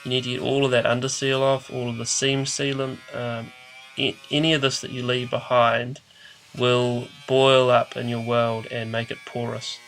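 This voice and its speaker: Nasal, congested man with flat, creaky delivery. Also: mid-range voice, moderate pace, faint music behind, rough recording. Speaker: DIY car repair presenter. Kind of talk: informal instructional voice-over. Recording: noticeable background noise.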